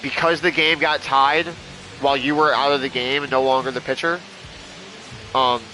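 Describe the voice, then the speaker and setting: Young male streamer, mid-pitched, excitable and foul-mouthed, over a noisy background. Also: moderate pace. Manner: excitable, swears freely, talks to his chat. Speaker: video game streamer. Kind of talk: casual live-stream chat.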